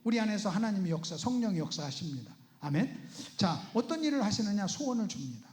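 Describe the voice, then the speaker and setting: Pastor guy preaching in a church, really high voice, lots of rhetorical questions, echoey room. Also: big pitch swings, quick pace, darkish tone. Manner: asks the audience rhetorical questions. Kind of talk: Bible seminar sermon. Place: church sanctuary. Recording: roomy church echo.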